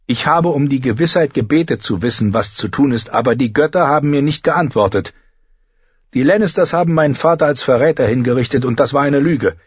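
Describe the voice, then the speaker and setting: A man's voice: mid-range voice, brisk, breathy edge, no echo, highs cut off, pitched above the performer's own voice, lightly acted. A man voicing a grave, stubborn young lord who speaks firmly and grimly. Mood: earnest. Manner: firm, grim.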